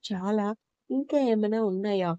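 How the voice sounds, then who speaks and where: A woman's voice: mid-range voice, normal speed, warm tone, no echo, muffled recording, close to an everyday voice. A woman voicing an irritable, short-tempered young man who snaps impatiently. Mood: irritated. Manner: snappish, impatient.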